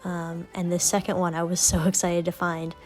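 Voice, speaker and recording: Relaxed Bermudian woman, lowish voice. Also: normal speed, over loud music. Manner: relaxed, many ums, softly spoken at times. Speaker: vlogger and knitter. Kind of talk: casual chatty vlog.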